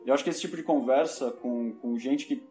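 Guesting on a laid-back podcast interview, this young Paulista from São Paulo talks with a warm, medium-pitched voice that runs a little fast over soft background music. His Brazilian Portuguese accent comes through as he reflects, corrects himself, and keeps restarting sentences, all in a recording with a roomy echo.

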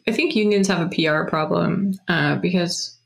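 Woman with a gravelly, lowish voice. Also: moderate pace. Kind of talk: casual conversation.

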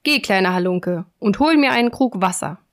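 A woman voicing a huge, dim-witted male giant who grumbles slowly into his beard. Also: lively intonation, close to an everyday voice. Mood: grumbling. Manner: slow, low, grumbling.

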